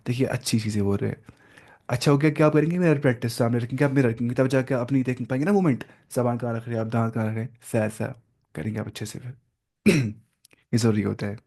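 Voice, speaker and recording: A man's voice: mid-range voice, fairly even intonation, darkish tone. A young man teaching Quranic pronunciation in a casual lesson, explaining step by step, asking questions and demonstrating sounds.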